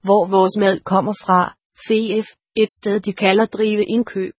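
A woman's voice: mid-range voice, level tone, breathy edge, no room sound, studio quality, close to an everyday voice. A woman reading the lines of a bossy, know-it-all female cat in a storybook, lecturing and scolding.

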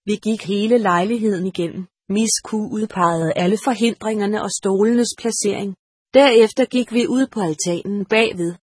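A woman narrating a storybook in an even, measured reading. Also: mid-range voice, breathy edge, no echo, clean studio sound. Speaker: audiobook narrator.

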